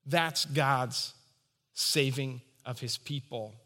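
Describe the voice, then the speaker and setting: A man's voice: medium pitch, takes it slowly, sharp tone, long reverb tail. A man preaching a sermon, emphatic and rising and falling for stress. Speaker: pastor.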